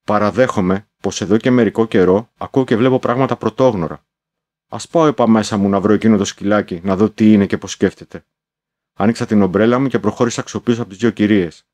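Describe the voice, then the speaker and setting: A man with a fairly low voice reads a first-person diary aloud. His delivery is confiding and musing, with sudden exclamatory asides. The recording is dry, with no echo. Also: a little mellow. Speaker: audiobook narrator.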